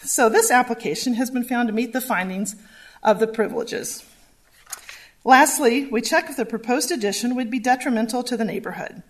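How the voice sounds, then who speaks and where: A woman staff planner presenting a zoning variance report at a public hearing, measured and reading from slides. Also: on the high side.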